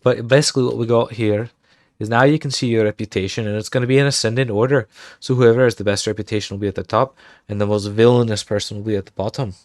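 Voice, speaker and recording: The voice is a man's, on the low side and darkish, with fairly even intonation and a quick pace, captured studio-quality with no echo. He's livestreaming a game build in a put-on Irish accent, casually talking through his thoughts and muttering commands while typing.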